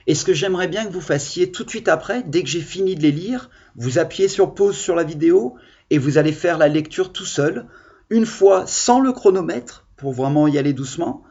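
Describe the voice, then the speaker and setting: Man teaching kids on video, husky voice, slow and sing-song, dull lo-fi sound. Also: a little high. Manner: patient, expressive explaining to children. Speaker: primary school teacher. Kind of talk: video reading lesson for children.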